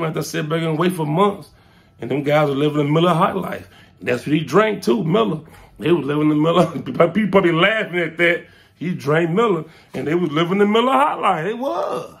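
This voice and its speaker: Animated man telling stories. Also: fairly high pitch, vocal fry. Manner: animated, acts out quoted lines, fills with "man". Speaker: interviewee recounting his past. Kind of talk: casual storytelling.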